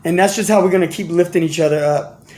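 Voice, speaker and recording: A man talking casually and earnestly to his viewers, giving motivational advice in slangy, repetitive speech with frequent restarts. He swings between animated bursts and low, quiet asides. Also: fast. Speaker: vlogger giving life and business advice. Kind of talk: casual motivational monologue to camera.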